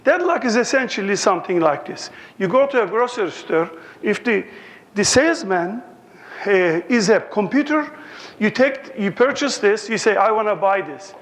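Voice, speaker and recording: A man's voice: high voice, lively intonation, normal speed, fairly bright tone. A man in his sixties from Turkey with a Turkish accent, giving a conference lecture in a joking, anecdotal way. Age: 60s.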